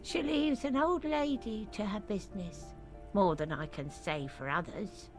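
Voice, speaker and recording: Actress as a sickly, grumbling old cleaning woman, coughing and wheezy, drawling slowly. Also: medium pitch, faint music behind, close to an everyday voice. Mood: scornful. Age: older. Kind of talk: game voice acting.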